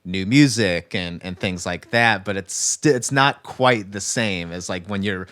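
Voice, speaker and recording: A man's voice: low voice, measured pace. A young adult man from Arkansas with a Southern accent, co-hosting a casual chat and talking loosely with lots of fillers. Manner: relaxed, filler-heavy talk. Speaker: co-host.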